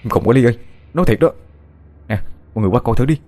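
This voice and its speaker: A man's voice: mid-range voice, expressive, rapid-fire, dark tone, lightly acted. A man voicing a jumpy, easily spooked young male student, talking in an exasperated, protesting way. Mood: alarmed. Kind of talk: audiobook character voice.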